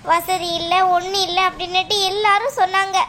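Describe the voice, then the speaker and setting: A woman voicing a gentle, apologetic middle-aged mother of the groom in a cartoon. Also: extremely high pitch, fairly even intonation, brisk, a little hiss or hum. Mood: soothing. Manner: soft, apologetic, soothing. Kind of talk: cartoon voice acting.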